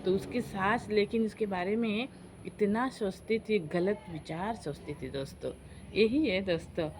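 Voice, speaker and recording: Woman, 40s, vlogger. Casual storytelling, chatty and animated, acts out relatives' lines. Faint background noise. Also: medium pitch, measured pace. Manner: chatty, animated, quotes relatives in their voices. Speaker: vlogger telling a family story.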